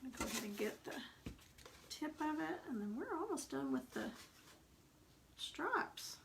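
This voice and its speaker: Her pitch swings widely as this Texas-accented woman, whose voice is somewhat high and gravelly, walks viewers through a live painting tutorial at a moderate pace. She rambles casually from her craft workspace, slipping into homey asides, with background noise audible.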